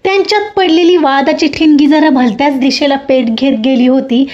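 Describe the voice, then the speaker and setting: High-voiced woman narrating a story. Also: fairly even intonation, moderate pace, a little mellow. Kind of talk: scripted audio story narration. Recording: dull lo-fi audio with faint music.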